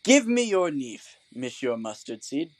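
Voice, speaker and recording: A man's voice: medium pitch, very animated, a little slow, no room sound. A man as Bottom, pompous, swooping donkey-man. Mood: lordly, indulgent. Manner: pompous, mock-courtly, leisurely. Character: pompous, foolish Bottom, a man turned donkey, lordly and drowsy. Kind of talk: Shakespearean comic audio drama.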